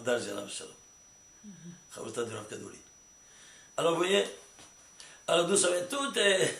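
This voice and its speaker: A man teaching a kabbalah class as rabbi, asking his students questions and rising to excited exclamations. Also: fairly high pitch, creaky. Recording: echoey room, faint hum.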